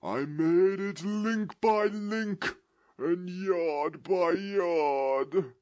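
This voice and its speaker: A man voicing a doomed, mournful male ghost in chains, drawing out his words in a slow lament. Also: high voice, darkish tone, dry recording, voice pushed up.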